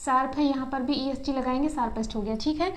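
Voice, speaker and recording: Speaking in a fairly high voice, a woman teaches an English grammar lesson in classroom style. She poses questions and answers them herself, spelling words out slowly, one syllable at a time.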